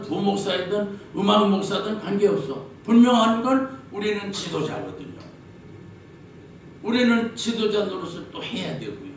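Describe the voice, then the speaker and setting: A man preaches a sermon. He spins jokey stories and fires off rhetorical questions. He is heard from a distance in a very echoey hall, with faint noise behind him. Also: high voice. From Chungcheong, Korea. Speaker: pastor.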